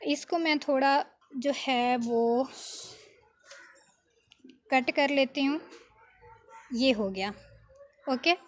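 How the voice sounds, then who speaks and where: A woman giving an informal, step-by-step software tutorial as an editing tutor, often adding small check-in tags. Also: high-pitched, extremely slow, pauses often.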